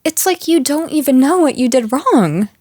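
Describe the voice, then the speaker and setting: In an intimate roleplay audio drama, a woman plays an unhinged, possessive girlfriend who is jealous and incensed, taunting the listener with condescending sweetness and menace. Her voice is high-pitched and a little mellow with lively intonation, and she speaks slowly, using condescending pet names and slipping into breathy whispers. The clean studio sound has no room noise.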